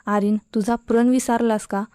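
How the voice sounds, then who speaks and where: A woman's voice: on the high side, level tone, moderate pace, mellow, clean tone, no room sound, studio quality, lightly acted. A woman voicing an easygoing, supportive young male college student.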